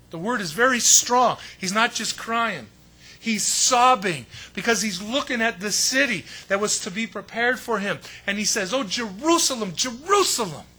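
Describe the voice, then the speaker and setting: Bright-voiced emphatic male preacher. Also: sits high, husky. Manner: emphatic, swings between loud and hushed; acts out quotes in a raised voice. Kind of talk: sermon teaching.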